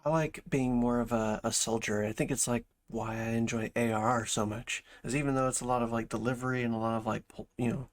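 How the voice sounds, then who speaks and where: A man's voice: mid-range voice, steady tone, fairly quick, hardly any pauses. A man chatting casually as a streamer reacting to a video, thinking aloud in broken, rambling phrases. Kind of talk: casual chat, reaction commentary.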